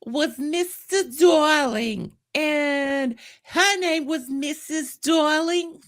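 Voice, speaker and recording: A man putting on slow, high, motherly little Wendy. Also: fairly bright tone, full character voice. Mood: patient storytelling. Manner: slow, drawn-out, admonishing delivery. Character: Wendy, young girl storyteller, motherly and prim. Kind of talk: dramatic storybook reading.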